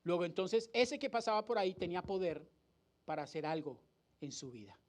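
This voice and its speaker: In a church hall, a man with a high voice and lively intonation preaches briskly. Dramatizing scenes, he voices the crowd and the cries of the blind man, peppering his sermon with rhetorical questions.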